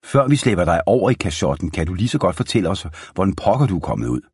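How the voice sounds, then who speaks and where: A man's voice: deep voice, very animated, slightly rough, exaggerated voice. A man voicing a cheeky, bold young cowboy boy who teases and talks cocky. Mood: teasing. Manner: teasing, cocky.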